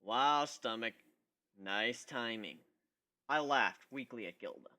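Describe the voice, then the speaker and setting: A man does an amateur first-person dramatic reading of a fan fiction story, delivered in a wry, conversational way. His medium-pitched voice is pushed and bright, and he takes it slowly.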